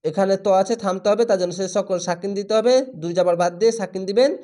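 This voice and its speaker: A man with a notably high voice leads a step-by-step Quran reading lesson. He draws recited words out at a very slow pace, then drops into plain, patient explanation of each reading rule. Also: fairly even intonation, dark tone.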